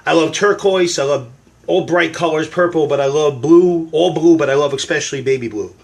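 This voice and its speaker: A man's voice: a little high, brisk, creaky. A man hosting a casual livestream from his phone at home, rambling and self-deprecating while he cooks eggs and answers fan questions.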